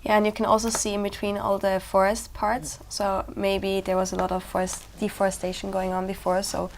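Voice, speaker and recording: A woman's voice: mid-range voice, completely flat delivery, fairly quick, slight background noise. A young woman, an exam candidate thinking aloud in a conversational way. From Switzerland. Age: young adult. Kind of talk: spoken exam discussion.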